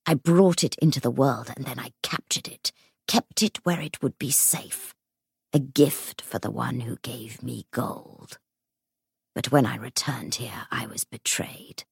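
A woman voicing the murdered ghost of a bitter male warlock, with a hollow, hissing voice and a slow, brooding delivery. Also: a bass voice, gravelly, husky, no echo, clean studio sound, voice pushed down, heavily acted. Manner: slow, brooding, sinking to a whisper.

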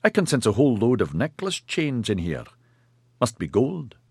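A man's voice: medium pitch, wildly swooping pitch, normal speed, husky, no echo, voice pushed up, exaggerated voice. A man voicing a boisterous, cheerful young man who talks exuberantly. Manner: exuberant, laughing.

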